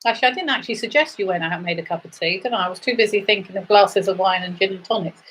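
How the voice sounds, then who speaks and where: A woman's voice: mid-range voice, racing, a bit bright, slightly rough, low-quality recording. A woman working as a bingo caller, calling numbers in a sing-song way with traditional rhymes and chatty asides. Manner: sing-song number calls, repeating each number. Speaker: bingo caller hosting a charity game.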